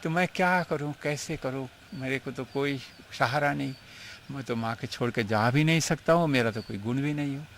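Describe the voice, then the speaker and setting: A man's voice: medium pitch, normal speed, slight background noise. Earnest older man reminiscing. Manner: emotional, earnest storytelling, mixing in English phrases. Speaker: swami recalling his guru. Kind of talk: reminiscing interview.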